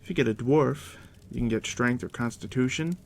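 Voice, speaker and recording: A man plays a game master in a soft-spoken ASMR roleplay, talking the listener through tabletop game rules in a hushed, gravelly, mid-range voice. He is unhurried and conversational, speaking directly to you. A fire crackles over steady background noise.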